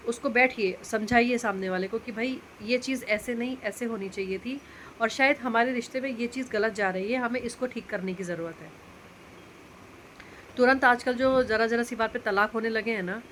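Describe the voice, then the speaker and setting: A woman's voice: fairly high pitch, fairly bright tone, a little hiss or hum, rough recording. A woman giving relationship advice in an earnest, conversational motivational talk, repeating her points for emphasis.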